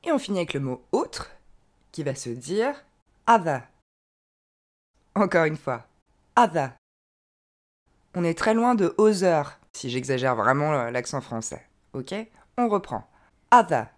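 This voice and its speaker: A woman teaching pronunciation, modelling each English word slowly and clearly and repeating it, with encouraging explanations in between. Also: low voice, sing-song. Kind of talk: pronunciation lesson.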